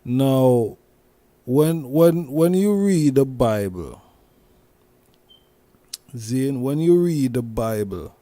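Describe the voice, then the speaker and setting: A Jamaican man hosting a loose commentary monologue, speaking slowly with a mellow, warm tone. He circles back on his words, restarts and repeats phrases often. The sound is dry and close. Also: medium pitch, no room sound. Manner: slow, repetitive, with many restarts and "you see me?". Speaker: host.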